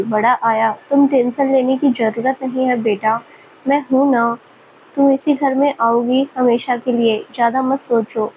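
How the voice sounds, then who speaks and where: A woman's voice: high voice, dark tone, slight background noise, poor audio. A woman voicing an affectionate middle-aged mother who scolds and teases her son. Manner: scolding yet loving, motherly.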